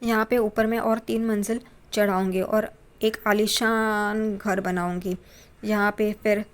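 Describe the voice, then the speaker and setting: A woman's voice: mid-range voice, level tone, unhurried. A woman casually retelling a TV serial episode, briefly voicing each character's lines. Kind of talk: casual storytelling recap.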